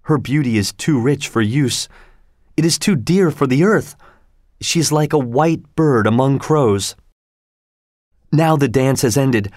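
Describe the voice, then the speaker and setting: A man's voice: mid-range voice, expressive, takes it slowly, long pauses, darkish tone, no room sound, studio quality. Romeo, a man voicing a lovestruck young nobleman. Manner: poetic, earnest.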